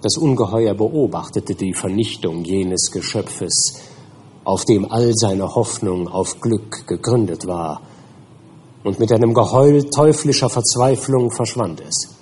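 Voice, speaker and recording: A man reading a classic novel aloud as an audiobook, in measured, grave first-person narration. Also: fairly low pitch, darkish tone, slight background noise. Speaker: audiobook reader.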